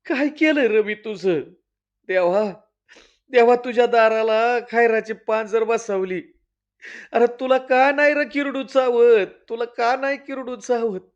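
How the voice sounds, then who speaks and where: A man voicing a grieving village widow who cries out and laments loudly. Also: very high-pitched, slow pace, voice pushed up. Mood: wailing grief. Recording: dull lo-fi recording.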